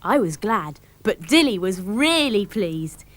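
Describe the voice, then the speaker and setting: A woman with a British accent narrating a children's storybook in a lively, expressive way. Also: medium pitch, takes it slowly, no room sound.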